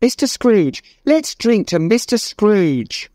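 A gentle, poor family man, voiced by a male reader. He speaks slowly, with a lively, lifting voice, to calm his wife. The sound is close and dry. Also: high-pitched, no room sound, pitched above the performer's own voice, full character voice. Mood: cheerful. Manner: soothing, pleading. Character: gentle poor clerk and father, mild man. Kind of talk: storybook reading.

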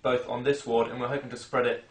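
A man's voice: medium pitch, little pitch movement, quick pace, a little hiss or hum, lightly acted. Man playing breezy boastful consultant, echoey. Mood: breezy, smug. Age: young adult. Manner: breezy, self-satisfied. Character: breezy, boastful male consultant doctor in news spoof. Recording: echoey room, distant mic.

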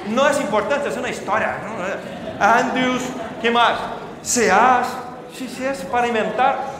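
A man preaching a sermon as a story, often checking in with the audience through quick questions and halting restarts. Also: high voice. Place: church hall. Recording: reverberant church hall.

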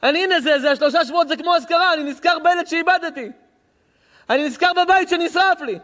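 A sorrowful, pleading heavenly father, voiced by a man in a sermon. He asks question after question in a high, rising, mournful voice. The sound rings in a reverberant hall. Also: a bit bright.

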